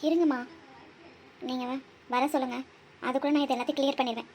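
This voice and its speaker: Woman as secretive young daughter in a cartoon, high voice, hesitant and evasive. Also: fairly even intonation, fast, a little mellow, a little hiss or hum, lightly acted. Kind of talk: cartoon voice acting.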